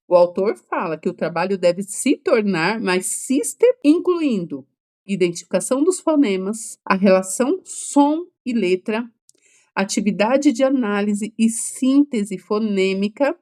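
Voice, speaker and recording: A woman's voice: mid-range voice, a little mellow. Brazilian woman teaching a chatty exam-prep class. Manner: checks in constantly with "tá?" and "né?"; explanatory, conversational teaching. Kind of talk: online exam-prep lecture.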